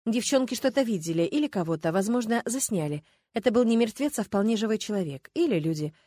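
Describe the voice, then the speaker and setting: A woman's voice: medium pitch, expressive, quick pace, dark tone, dry recording, close to an everyday voice. A woman voicing a level-headed woman sleuth who talks in a dry, matter-of-fact way in an audiobook. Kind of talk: audiobook character voice.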